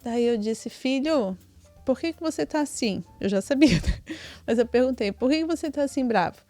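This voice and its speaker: A mother who co-hosts a podcast tells a family story in casual chat, speaking with a Brazilian Portuguese accent and often adding tag questions. Her voice is on the high side, animated and dark-toned at normal speed, over soft background music.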